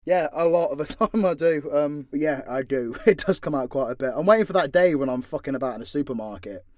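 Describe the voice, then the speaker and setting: Speaking quickly at a fairly high pitch with a darkish tone, a British voice actor and content creator responds to fan questions casually and without a script. He's blunt, joking and swears a great deal, and the studio-quality recording has no room sound.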